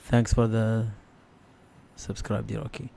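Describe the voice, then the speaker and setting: Male live-stream host, soft dark tone with vocal fry, informal and tentative commentary. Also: fairly low pitch, completely flat delivery, slow. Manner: hesitant, thinking aloud while browsing. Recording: clear background noise.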